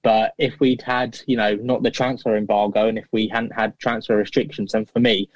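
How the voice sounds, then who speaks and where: A man's voice: lowish voice, flat delivery, normal speed, no echo, highs cut off. A man giving interview answers as a football fan, earnest and hesitant. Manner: earnest, hesitant, many fillers and restarts.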